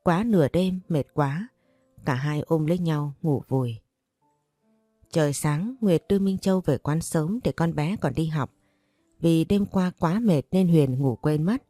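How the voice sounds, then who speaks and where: A woman reads a romance story aloud in a low, mellow, steady voice. The sound is dry and close to the mic, with faint music underneath. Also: measured pace, no echo. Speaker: audiobook narrator. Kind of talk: scripted narration of a romance story.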